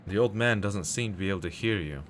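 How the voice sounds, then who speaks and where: A man's voice: fairly low pitch, quick pace, a little hiss or hum. A man streaming and narrating a gamebook in the second person, with chatty, wry asides. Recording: loud background music.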